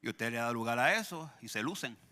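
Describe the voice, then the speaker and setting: A man's voice: medium pitch, animated, a little fast, sharp tone, in a large hall. A male pastor preaching a sermon in a church, joking and calling out to the congregation. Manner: humorous, calls out to the congregation. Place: church sanctuary.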